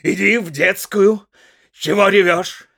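A man reading aloud, voicing a slightly drunk, jealous husband who shouts and berates his young wife in high, strained yells. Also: lively intonation, drawn-out words, dry recording, studio quality, full character voice. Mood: bellowing. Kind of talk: dramatic audiobook reading.

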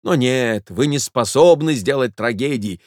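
A man's voice: medium pitch, measured pace, darkish tone, dry recording, clean studio sound, close to an everyday voice. A man voicing a cocky young man who scolds in a mocking tone. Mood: scolding.

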